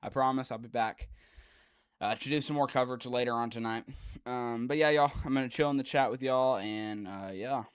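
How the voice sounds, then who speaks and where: A man's voice: mid-range voice, moderate pace. A man chatting casually as the host of a weather livestream. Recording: music playing behind the voice. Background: background music.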